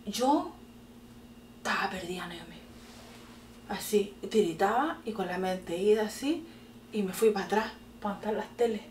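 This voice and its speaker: A middle-aged woman with a Chilean accent, telling a story to her daughter in casual chat, animated and laughing often. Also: medium pitch, moderate pace, pauses often, distant mic, slight background noise. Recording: echoey room, voice from off the mic.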